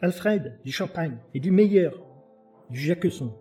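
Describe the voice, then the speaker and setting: A man's voice: on the high side, animated, measured pace, dark tone, slightly rough, soft background music, voice pushed up, heavily acted. A man voicing a flamboyant, witty male poet who is anxious and pleading, in a mannered way of talking.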